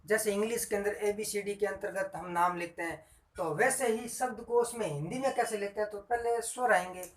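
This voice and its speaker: A man's voice: sits high, fairly quick, far from the mic. A man teaches grammar in a classroom style, going over each point again and putting questions to his listeners. His voice bounces around an echoey room. He sits well back from the microphone. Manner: repetitive, quizzing listeners with questions.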